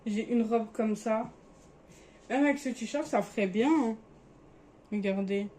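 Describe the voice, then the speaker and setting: Young woman, vlogger, chatty, hesitant, mellow, slightly high voice, faint room noise. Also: unhurried. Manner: chatty, hesitant, searching for words. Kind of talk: casual clothing haul.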